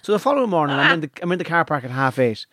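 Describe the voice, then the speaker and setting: A man with a west of Ireland accent, chatting casually and telling animated comic anecdotes with plenty of swearing. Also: fairly high pitch, very fast, dry recording, clean studio sound. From County Donegal, Ireland. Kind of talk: casual chat and comic storytelling.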